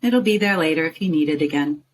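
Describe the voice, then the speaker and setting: A low-voiced woman, a meditation guide and show host, soothingly coaxes the listener through a guided meditation in short, paused phrases. She sounds animated, and some ambient noise sits in the background.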